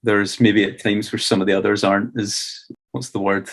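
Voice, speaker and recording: A Scottish man with a fairly low voice talks casually as a podcast co-host. He is easygoing and hedges his points with "sort of" and "kind of". He keeps a relaxed, conversational pace. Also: normal speed. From Scotland. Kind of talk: casual chat.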